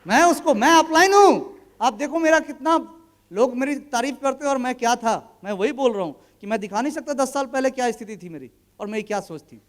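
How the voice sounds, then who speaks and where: A man's voice: very high-pitched, expressive, brisk. A man in his thirties speaking at a business event, telling a motivational personal story in a casual, colloquial way and acting out the dialogue in his anecdotes.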